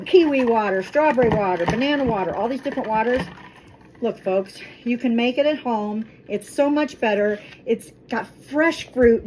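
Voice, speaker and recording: A vlogger from Colorado chats casually in her home kitchen while making fruit water. Her voice sits on the high side, and there's background noise. She's friendly and talkative, keeping up the conversation as she cooks.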